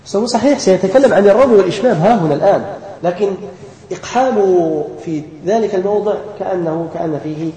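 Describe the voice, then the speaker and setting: A man from Algeria teaches a class on recitation in a high, mellow voice. He explains step by step, chants the sample words and questions his students. The room is echoey. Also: fast talker. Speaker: sheikh teaching Quran recitation.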